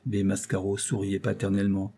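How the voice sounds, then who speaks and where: Male audiobook narrator, measured novel reading, dark mellow husky voice. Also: on the low side, monotone. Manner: measured, storytelling.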